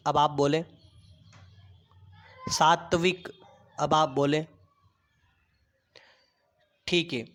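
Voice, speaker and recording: Patient male teacher, higher voice. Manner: explains words, pauses for pupils to repeat; patient, repeats himself, frequent restarts. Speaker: school teacher. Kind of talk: online class lesson.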